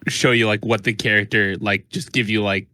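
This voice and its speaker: A man's voice: fairly low pitch, steady tone, moderate pace, pushed and bright, no room sound. A young man co-hosting a casual movie podcast, hesitant, with many fillers. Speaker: podcast co-host.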